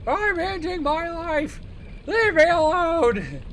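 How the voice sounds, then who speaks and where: Old grandpa game character, shrill, slow, melodramatic, ranting, high-pitched. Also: very animated, fairly bright tone, slight background noise, full character voice.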